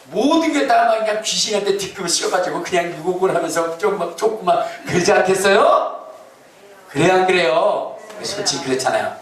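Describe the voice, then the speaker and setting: A man preaching a lively Sunday sermon as pastor, teasing the congregation with questions and acting out mock voices. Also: high voice. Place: church sanctuary. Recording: echoey church hall, mic at a distance.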